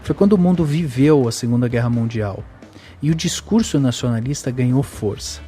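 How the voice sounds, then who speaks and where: A man with a Brazilian Portuguese accent giving measured, explanatory scripted narration for a film podcast. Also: mid-range voice, warm tone, husky, faint music behind.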